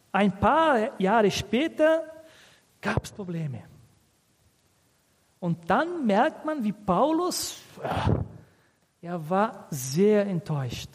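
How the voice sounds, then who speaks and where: Slow, high-voiced male preacher. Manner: asks rhetorical questions, often with a tag "nicht?". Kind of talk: sermon. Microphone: fixed microphone he has to aim at. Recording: reverberant hall.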